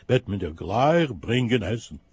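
A gentle horse speaks loudly and kindly with a lilt, breaking into a high whinny. A man voices it in a storybook tale. The voice is husky and dry. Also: big pitch swings, normal speed, no room sound. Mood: teasing. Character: gentle old horse, calm and helpful.

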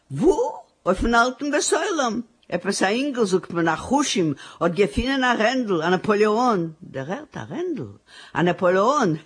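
A woman's voice: medium pitch, husky. A woman performing a dramatic monologue as a poor grieving widow with five children, in a wailing, sing-song lament.

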